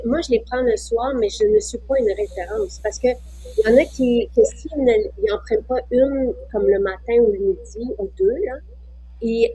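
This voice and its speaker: A woman's voice: a little high, dark tone, slightly rough, no echo, poor audio. A woman with a Quebec French accent hosting a casual chat, chatty, sharing her own habits and reading out viewer questions. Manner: chatty, shares personal habits. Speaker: host of the show.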